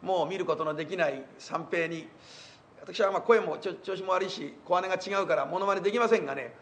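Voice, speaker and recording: An older man telling stage reminiscences in rough, colloquial speech with wry asides. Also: high-pitched, fast, fairly bright tone, slight background noise. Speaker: comic storyteller.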